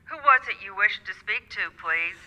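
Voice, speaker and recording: A woman's voice: medium pitch, expressive, moderate pace, bright, forceful tone. A woman playing a cool, formal hospital receptionist in a radio drama, questioning politely through a telephone effect. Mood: cool politeness. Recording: noisy, dull, reverberant telephone sound.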